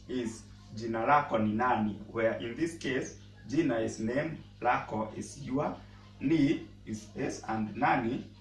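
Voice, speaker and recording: A man who speaks natively, teaching a casual language lesson and pausing often to repeat words as he explains. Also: medium pitch, faint music behind. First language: Swahili. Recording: roomy echo, mic at a distance, faint noise.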